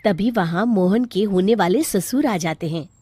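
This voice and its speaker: A woman narrating a cartoon story in an expressive storytelling manner. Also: mid-range voice, normal speed, breathy edge, dry recording, soft background music.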